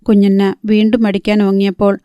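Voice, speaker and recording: A woman narrating a novel as an audiobook, in steady storytelling. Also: mid-range voice, brisk, smooth, dry recording, muffled recording.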